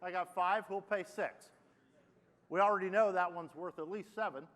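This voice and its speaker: A man's voice: sits high, steady tone, normal speed, a bit bright. A man working as an auctioneer, calling bids to a live audience in a repetitive chant of numbers. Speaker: charity auctioneer. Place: large reverberant event hall. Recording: echoey hall PA sound, long reverb.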